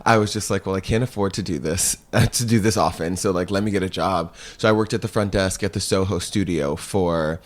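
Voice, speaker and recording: A man in his thirties with a very low voice tells his story on a podcast. He talks candidly and loosely, with many "like"s and a ready laugh. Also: a little fast, hardly any pauses. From Brooklyn, Park Slope. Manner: candid, laughs often, many filler likes. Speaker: fitness instructor guest. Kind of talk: casual podcast chat.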